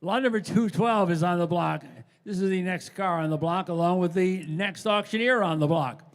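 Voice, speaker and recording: A man with a high voice announces auction lots. He reads out details formally, phrase by phrase, and his words echo with the long reverb of a large hall. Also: moderate pace. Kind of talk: announcing lot descriptions.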